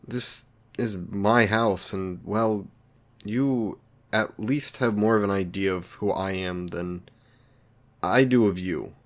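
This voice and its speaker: Speaking slowly in a lowish voice, this man portrays a lonely, awkward villain in an intimate roleplay drama. The character comes across as nervous and sorry, thoughtful and polite as he hesitates over his words.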